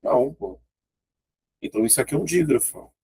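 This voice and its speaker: A man's voice: medium pitch, expressive, fairly quick, a little mellow, husky. A man with a Brazilian Portuguese accent teaching an exam-prep grammar lesson in a casual, chatty way, often pointing things out and checking in with his students.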